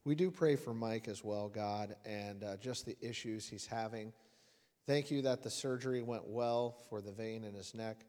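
In a church sanctuary with long reverb and faint music behind him, a lay worship leader handles prayer and announcements. His voice is lowish and dark, his pace moderate, and he speaks earnestly and plainly with lots of uhs.

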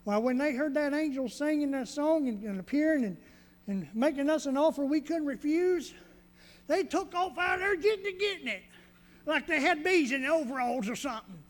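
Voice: high voice, animated, moderate pace, long reverb tail. Field: figure. Value: a performer doing a folksy Southern shepherd man. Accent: Southern US rural. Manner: folksy drawl full of homespun sayings. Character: bumbling male country shepherd, folksy and good-natured.

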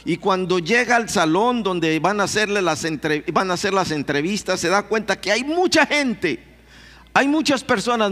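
A pastor in a church hall preaches a sermon to his congregation, telling a story and putting questions to them. His voice sits high with a sharp tone, and the hall adds a long reverb.

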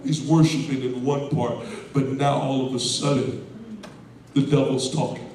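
A man preaching a call-and-response sermon, shouting in a sing-song cadence with frequent "uh" pauses. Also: mid-range voice, level tone, slight background noise. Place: church sanctuary. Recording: very echoey church from far off. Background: responding congregation.

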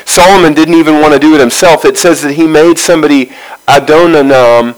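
A man leading a Bible study, reading scripture aloud and then explaining it verse by verse in a measured way, with pauses between phrases. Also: fairly high pitch, rough recording.

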